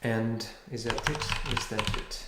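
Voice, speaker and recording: A man's voice: medium pitch, steady tone, takes it slowly. A man teaching programming, thinking aloud and correcting himself as he types code in a live tutorial. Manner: thinks aloud while typing, self-correcting. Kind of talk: live-coding tutorial narration. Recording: echoey room with loud keyboard noise. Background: keyboard typing and clicks.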